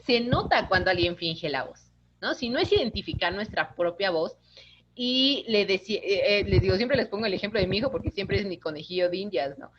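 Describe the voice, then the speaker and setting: A woman, an instructor giving a lively online lecture, talking with her hands. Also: medium pitch, brisk, muffled recording, noisy background. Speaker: course instructor.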